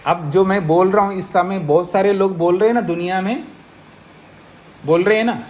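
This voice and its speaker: A swami who teaches Nyaya philosophy gives a Hindi scripture lecture to his class in a high-pitched, darkish voice. He moves through the material slowly and step by step, often stopping to ask whether his listeners are following.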